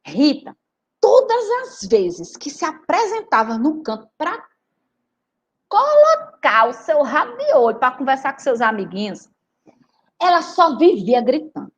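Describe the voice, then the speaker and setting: A teacher from Recife gives a storytelling talk and speaks straight to her audience. Her voice sits high and swings widely in pitch. She sounds chatty and expressive throughout. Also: a little slow. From Recife, Brazil. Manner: animated, chatty, addresses audience directly. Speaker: teacher and writer giving a talk. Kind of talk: lively storytelling lecture.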